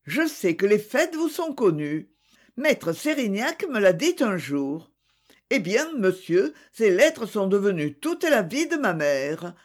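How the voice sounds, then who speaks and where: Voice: mid-range voice, sing-song, takes it slowly. A reader voicing a young woman pleading with a prosecutor in an audiobook. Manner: imploring, emotional.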